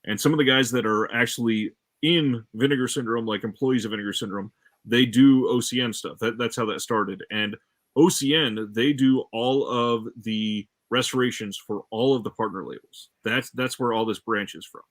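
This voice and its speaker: A man's voice: medium pitch, moderate pace. A man who is a streamer and guest, explaining details in a casual chat in an informed way. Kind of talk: casual chat about film releases.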